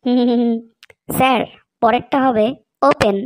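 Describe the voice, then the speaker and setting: A man putting on a shrill, piping ghost schoolgirl from a cartoon, her voice pitched sky-high and far from an ordinary speaking voice. She drags each word out slowly with a giggly, sing-song lilt, recorded close and dry. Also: expressive, vocal fry, fairly bright tone, no echo, full character voice. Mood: drawling. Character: giggly slow-talking female ghost schoolgirl. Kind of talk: cartoon voice acting.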